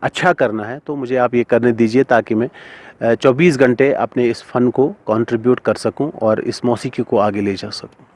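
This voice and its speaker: A middle-aged man, a singer and composer being interviewed, speaking thoughtfully with many pauses and fillers. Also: mid-range voice, darkish tone. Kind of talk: casual interview talk.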